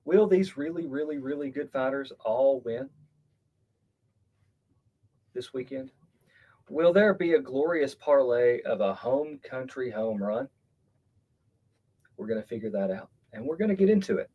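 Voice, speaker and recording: A man hosting a casual podcast, animated and joking, with big swings in loudness. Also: medium pitch, unhurried, pauses often, muffled recording. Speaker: podcast host.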